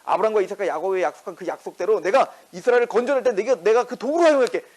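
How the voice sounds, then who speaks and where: A man's voice: high-pitched, rapid-fire, a little mellow. A man voicing God as a blunt, impatient divine figure who scolds and commands in plain, casual speech. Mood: commanding.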